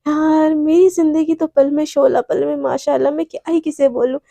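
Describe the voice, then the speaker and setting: A woman's voice: sits high, fairly even intonation, moderate pace, creaky, mellow, no echo. A woman voicing a chatty, dramatic young college girl who rambles and exclaims in a storybook telling. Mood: brooding.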